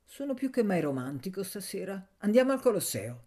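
A woman reading the lines of a shy, romantic young male student in a radio audiobook, speaking softly and wistfully. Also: mid-range voice, very animated, fairly quick, pitched above the performer's own voice.

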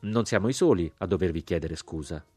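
A man's voice: sits low, animated, brisk, darkish tone, slightly rough, no echo, soft background music. A man reading the lines of a polite, good-humoured American colonel in an audiobook. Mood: courteous.

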